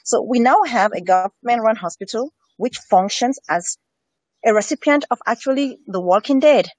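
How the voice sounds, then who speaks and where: A woman's voice: on the high side, moderate pace, darkish tone, no echo, rough recording. A woman speaking as a health educator in an earnest interview, repeating key phrases for emphasis. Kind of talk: earnest conversational discussion on health.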